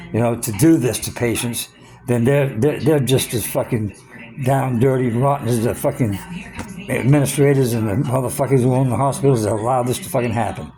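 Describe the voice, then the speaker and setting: A man in his sixties with a gravelly, dark voice, ranting heatedly and swearing at almost every turn. He talks at a middle pitch, stumbling and repeating words as his anger builds, while faint music plays underneath. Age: 60s. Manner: profane, heated, repetitive ranting. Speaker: vlogger. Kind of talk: angry personal rant.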